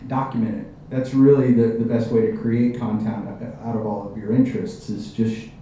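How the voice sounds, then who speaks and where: A man with a very dark, relaxed voice gives encouraging panel advice, stressing points by repeating words. His voice is on the low side and carries from a distant mic in a heavily echoing room. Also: a little fast. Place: panel event room with an audience. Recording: very echoey room, distant mic, faint noise.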